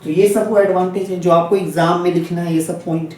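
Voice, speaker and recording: A man's voice: high-pitched, fairly even intonation, fairly quick, darkish tone, very echoey, distant mic, a little hiss or hum. A man teaching a physics lesson aimed at exams, who repeats key points and keeps checking in with his students. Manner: repetitive, checks in often with students. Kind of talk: exam-focused classroom lesson.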